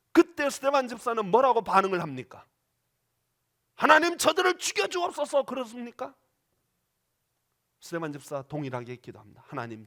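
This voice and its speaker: A man's voice: very high-pitched, fairly bright tone. A male pastor preaching a sermon in a church, dramatic and questioning the congregation as he acts out quoted voices. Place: church sanctuary.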